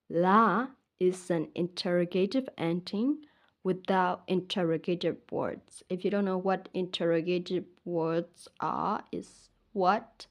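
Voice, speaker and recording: A young Burmese woman with a lowish voice gives a casual lesson in her language. She speaks with a Burmese accent and patiently repeats every word twice.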